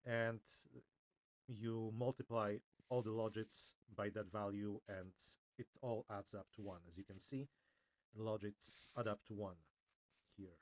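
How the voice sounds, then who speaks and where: A man presenting an informal technical explainer in a hesitant, halting way, often correcting himself. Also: lowish voice, fairly even intonation. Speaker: video presenter.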